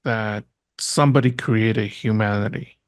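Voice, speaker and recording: A man in casual chat about movies, speaking slowly and hunting for the right words. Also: lowish voice, steady tone, no echo. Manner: slow and searching, hunts for words.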